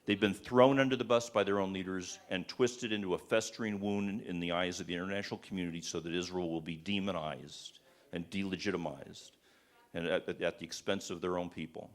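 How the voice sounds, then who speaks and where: A man with a lowish voice preaches to a gathered audience with fervent conviction. He drives his points home with rhetorical questions and stumbles through frequent restarts as he presses on. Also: fairly even intonation, fairly quick. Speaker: speaker at a church event. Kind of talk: impassioned sermon-style presentation. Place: live talk before an audience.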